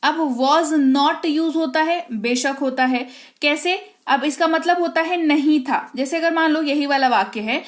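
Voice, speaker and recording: A woman teaching English grammar in Hindi. She explains each rule, reads the English example sentences slowly and clearly, and keeps checking in with her students. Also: high voice. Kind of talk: Hindi-medium grammar lesson.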